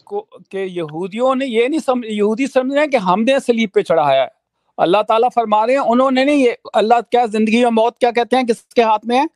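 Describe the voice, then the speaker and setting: A man arguing in a heated debate, defensive and halting, slipping English phrases into his speech. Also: very high-pitched, darkish tone, no room sound, studio quality.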